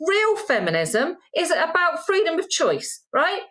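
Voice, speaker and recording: Her voice is very high, a bit bright, and very animated, yet she speaks unhurriedly. This middle-aged woman co-hosting an informal social media commentary show delivers impassioned, emphatic rants to press her points.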